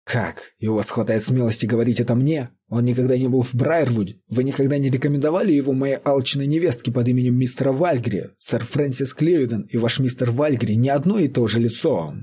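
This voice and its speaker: A man voicing a grim, vengeful farmer who speaks calmly and accusingly. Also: mid-range voice, brisk, hardly any pauses, husky. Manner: calm, accusing. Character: grim vengeful middle-aged male farmer, calm and sure.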